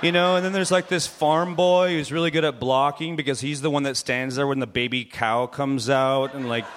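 Man, comic reporter, rambling rant, mid-pitched everyday voice. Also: steady tone, normal speed. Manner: rambling, full of "like" and "you know". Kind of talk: comedic rant on live radio.

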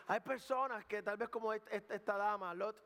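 A male pastor delivers a casual, humorous sermon with a notably high voice. He stammers, repeats himself and mixes in English phrases. The sound carries a long reverb, like a large church hall. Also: normal speed, pushed and bright. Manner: conversational preaching with jokes and asides; slips in English words.

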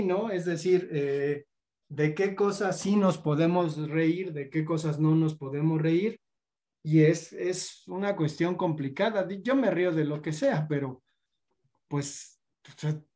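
A man's voice: fairly high pitch, darkish tone. A man with a Mexican accent chatting casually and telling a long joke, hesitant and full of fillers. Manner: rambling, hesitant, many fillers.

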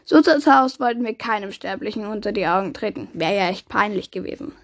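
A woman's voice: medium pitch, brisk. A woman reading a children's book aloud, giving the characters' quoted lines their own voices. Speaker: reader.

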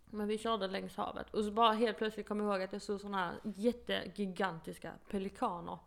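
A woman's voice: mid-range voice, gravelly. A young woman from Sweden in her twenties, telling a story in casual chat and acting out what people said. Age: 20s. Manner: animated storytelling, acting out quotes, laughs often. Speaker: podcast co-host telling an au pair story.

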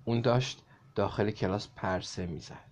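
A man reading a children's story aloud to a child in a lively way, stopping to explain words. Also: lowish voice, a little hiss or hum.

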